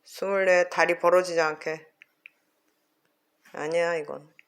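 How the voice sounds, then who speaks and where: A woman's voice: on the low side, steady tone, unhurried. A woman exercise coach counting reps and giving short, strict, repetitive corrections in clipped phrases.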